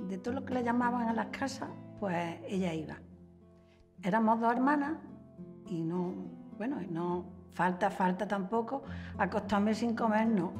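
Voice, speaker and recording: A woman's voice: mid-range voice, fairly bright tone. A woman, fondly recalling a poor but happy childhood. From Andalusia, Spain. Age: 70s. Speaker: interviewee, homemaker. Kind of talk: reminiscing interview. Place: living room at home.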